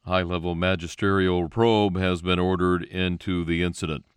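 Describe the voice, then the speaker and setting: A man's voice: low-pitched, flat delivery, normal speed, clear, resonant tone. A man reading scripted radio news as the anchor.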